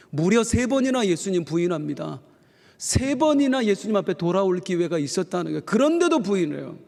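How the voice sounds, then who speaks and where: A middle-aged man preaching a sermon as pastor, telling stories in a folksy, animated way. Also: high voice, gravelly. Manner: folksy, animated storytelling with acted quotes. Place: church sanctuary. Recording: long church hall reverb.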